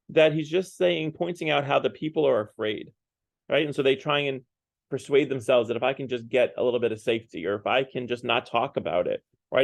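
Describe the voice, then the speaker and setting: A man's voice: mid-range voice, vocal fry, no echo. A man leading a parish Lent series, giving a casual talk and often checking in with "right?" and "like". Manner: conversational, often adds "right?" and "like". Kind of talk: casual Lenten talk on a book.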